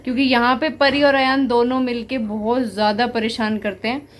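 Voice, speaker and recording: A woman's voice: on the high side, little pitch movement, moderate pace. A young woman chatting casually in a family vlog, teasing and laughing often as she films around her home. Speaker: vlogger.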